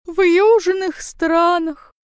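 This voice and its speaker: A woman voicing a wise old owl with grey feathers, telling a tale in a slow, drawn-out, wondering tone in a storybook reading. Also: very high-pitched, fairly even intonation, no echo, studio quality, pitched above the performer's own voice, exaggerated voice. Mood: wistful.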